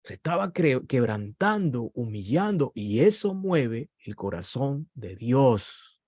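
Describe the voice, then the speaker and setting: A man's voice: big pitch swings, slow, a little mellow, no echo, studio quality. A man preaching a sermon with passion, his voice rising sharply at points of emphasis. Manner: impassioned preaching with sudden rises in pitch. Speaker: pastor.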